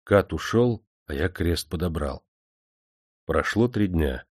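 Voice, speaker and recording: A man narrating a story in a measured, grave storytelling voice. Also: low voice, lively intonation, a little mellow, breathy edge, dry recording, studio quality. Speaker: audiobook narrator.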